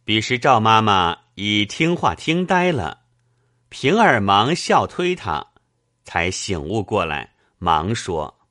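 Deep voiced guy reading an old novel, slow and lively, dry close sound. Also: no echo. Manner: measured, expressive storytelling. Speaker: narrator. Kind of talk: audiobook narration of a classic novel.

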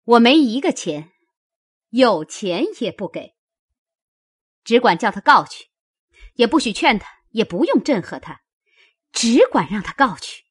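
A woman voicing a sharp-tongued young noblewoman of a great house, domineering and scornful in a dramatized novel reading. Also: on the high side, big pitch swings, breathy edge, full character voice. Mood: defiant. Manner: domineering, scornful and quick to scold.

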